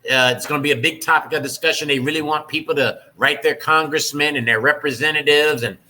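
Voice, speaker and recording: A man hosting a podcast discussion, measured as he steers the talk. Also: on the high side, fairly even intonation, bright, forceful tone, poor audio. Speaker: host.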